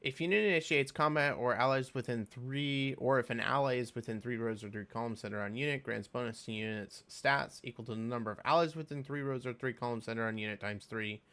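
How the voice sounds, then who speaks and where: A man giving casual reaction commentary on a game, reading skill text aloud and thinking out loud with fillers. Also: medium pitch, brisk, few pauses. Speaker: game video creator.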